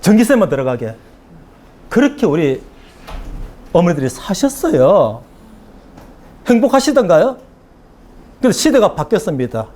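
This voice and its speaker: A man's voice: high-pitched, big pitch swings, normal speed, long pauses, mellow. A man preaching a sermon to a congregation, conversational, acting out everyday dialogues between family members as illustrations. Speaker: pastor. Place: church hall with congregation.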